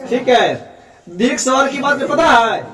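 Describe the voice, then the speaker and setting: A man's voice: very high-pitched, expressive, moderate pace. A man teaching a classroom grammar lesson, patiently repeating sounds aloud for his students. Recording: echoey classroom, distant mic.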